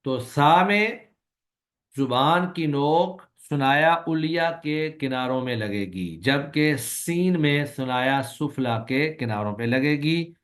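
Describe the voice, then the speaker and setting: A man who teaches Quran recitation, giving a recorded lecture and explaining slowly and patiently, with long drawn-out sample sounds and a Pakistani Urdu accent. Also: fairly high pitch, animated, fairly bright tone. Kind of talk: recorded lecture on letter pronunciation.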